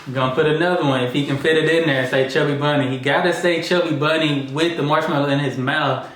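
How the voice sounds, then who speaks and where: American dad in a very echoey room. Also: male voice, fairly high pitch, steady tone, fast, fairly bright tone. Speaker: dad hosting a family challenge video. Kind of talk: casual chat to camera. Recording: very echoey room, faint noise.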